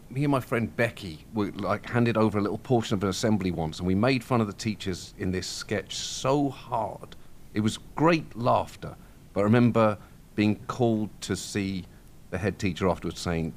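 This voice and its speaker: A man's voice: lowish voice, slight background noise. A man on a podcast telling a school story with dry jokes. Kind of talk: casual chat.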